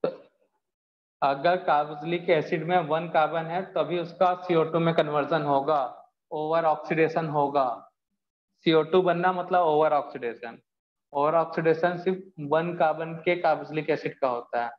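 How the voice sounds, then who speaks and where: In a live online chemistry class with echoey, dull lo-fi audio, the male teacher speaks at normal speed in a slightly high voice with fairly even intonation. He is patient, walking through each step and responding to students' doubts.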